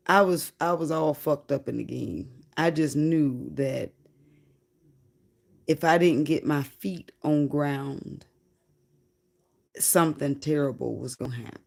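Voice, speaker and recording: Woman livestreamer, unhurried spiritual storytelling, gravelly fry in the voice. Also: sits low, a little mellow. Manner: slow, drawn-out, reflective, casual swearing.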